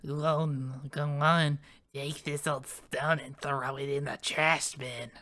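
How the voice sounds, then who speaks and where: A gamer voicing a gruff old female pig butcher who waves people off with grumbling orders, over game music. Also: medium pitch, level tone, takes it slowly, sharp tone. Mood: dismissive.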